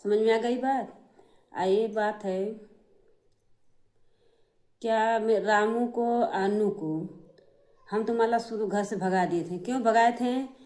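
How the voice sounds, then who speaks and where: A woman's voice: medium pitch, slow pace, long pauses, darkish tone. Aggrieved middle-aged woman vlogger. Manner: aggrieved, repetitive, addresses viewers directly. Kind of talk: emotional family complaint to camera.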